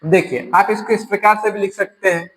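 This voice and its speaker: A man with a fairly high voice and a Rajasthani accent, teaching an exam-prep grammar lesson. He works through each item step by step, putting a question to the class and then answering it himself. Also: fairly even intonation, a little fast, a bit bright, low-quality recording. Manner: explains step by step, asks and answers his own questions.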